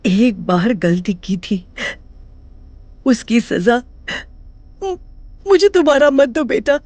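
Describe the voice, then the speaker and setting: A woman's voice: on the high side, very animated, takes it slowly, a little mellow, dry recording, full character voice. A woman playing a tearful pleading grandmother. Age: older. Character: lonely old grandmother, emotional and pleading.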